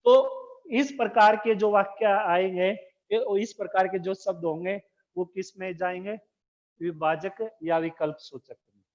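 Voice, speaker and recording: Male schoolteacher, unhurried dictation, repeats key terms, lo-fi classroom recording. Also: high voice, fairly even intonation. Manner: slow, repetitive dictation; asks questions to the class. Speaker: school teacher. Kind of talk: recorded Hindi grammar lesson. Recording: dull lo-fi recording.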